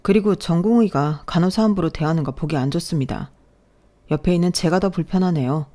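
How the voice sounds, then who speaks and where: A woman voicing a calm young male surgeon professor who speaks in a measured, firm, authoritative way. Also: lowish voice, close to an everyday voice.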